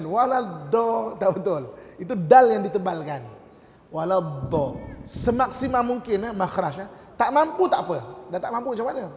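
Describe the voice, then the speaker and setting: A man with a Malaysian Malay accent giving a religious lesson in a conversational way, often checking with his students and reciting verses slowly to demonstrate pronunciation. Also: high-pitched, a little mellow. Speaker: religious teacher. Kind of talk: classroom religious lecture. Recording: echoey hall with faint noise.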